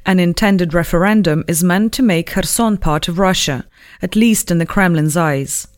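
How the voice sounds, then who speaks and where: A woman presenting a radio program, reading scripted news narration in a measured, formal way. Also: fairly low pitch.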